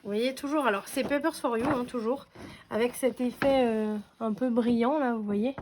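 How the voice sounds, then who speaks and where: A woman's voice: a little high, moderate pace. A woman chatting casually as she unboxes scrapbooking paper, enthusiastic and full of fillers. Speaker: scrapbooking vlogger. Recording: noisy room with paper crinkling.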